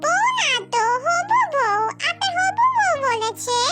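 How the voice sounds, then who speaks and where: A snappy, scornful young woman in a cartoon, as a voice actor puts her on, with a very high, squeaky voice that swings around a lot. She talks down to everyone. Loud children's music plays under her voice. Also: big pitch swings, slow, exaggerated voice. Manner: snappy, dismissive. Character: haughty sharp-tongued young woman guest.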